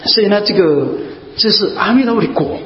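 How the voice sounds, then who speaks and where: A man's voice: sits high, lively intonation, a little fast. A man giving a Buddhist dharma talk, asking his listeners rhetorical questions and repeating key phrases again and again. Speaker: Buddhist teacher. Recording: muffled, echoey hall recording with faint hiss.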